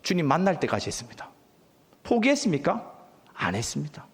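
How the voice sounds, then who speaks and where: A man's voice: on the high side, huge pitch swings, fairly quick. A man preaching as pastor to his congregation, delivering an emphatic sermon with questions that he has the crowd answer back. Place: church sanctuary. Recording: long hall reverb.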